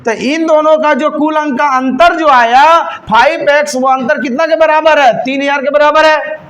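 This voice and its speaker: A male coaching-class teacher teaching math to a live class. He quizzes his students constantly, scolds and teases them, and slows down to spell out each step. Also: extremely high pitch, fairly even intonation, fairly bright tone. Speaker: teacher for government exam coaching.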